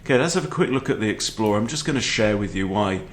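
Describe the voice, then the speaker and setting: A man's voice: on the low side, animated, fast talker, a little hiss or hum. A man in his forties giving casual chess game commentary in a conversational way, often checking in with short questions. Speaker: chess video host. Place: book-lined room at home, indoors.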